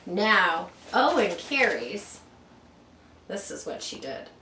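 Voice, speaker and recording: Slowly and in a sing-song manner, a woman with a medium-pitched, bright, forceful voice reads a picture book to children. Expressive throughout, she adds chatty comments and rhetorical questions. A distant mic picks her up in a roomy space with faint background noise.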